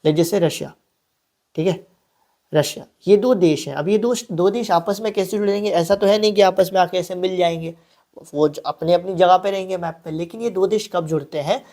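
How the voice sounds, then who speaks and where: A young man gives a relaxed online exam-prep lecture. His voice is mellow and warm, and he keeps it conversational, slipping in English terms and breaking off for easygoing asides. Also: high voice, moderate pace. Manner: chatty, mixes English terms, frequent asides and "ठीक है". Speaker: online teacher.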